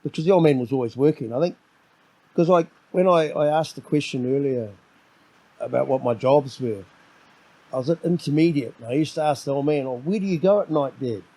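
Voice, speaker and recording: A middle-aged man with a New Zealand accent rambles loudly and domineeringly as a podcast guest, repeating words as he launches sentences in casual conversation. His voice is a little high and a little fast. The recording is rough but has no echo.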